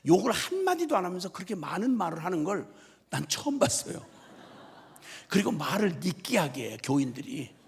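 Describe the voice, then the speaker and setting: A man preaches a revival sermon in a church, his high voice leaping up and down as he tells stories with humor and bits of mimicry. His tone is very husky and gravelly. The sound rings with the long reverb of a large church hall. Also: a little fast. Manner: animated storytelling with humor and mimicry. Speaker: missionary preacher. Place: church sanctuary.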